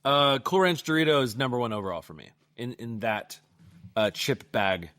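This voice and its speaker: Male podcast co-host, 40s, lively pitch, playful and giggly, casual. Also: moderate pace. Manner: laughing, playful, swears casually. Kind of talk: casual chat.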